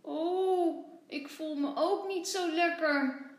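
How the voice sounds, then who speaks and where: A woman's voice: very high voice, fairly even intonation, takes it slowly, reverberant, voice pushed up. Tommy, a woman doing a cheerful boy doctor. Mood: playful. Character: young boy playing doctor, cheerful and reassuring.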